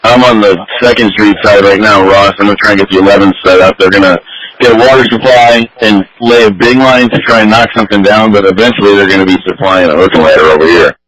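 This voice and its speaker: Man, deep-ish voice, incident commander, urgent clipped firefighter radio traffic. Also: steady tone, fast, fairly bright tone. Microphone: two-way radio. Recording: crackly fire department radio.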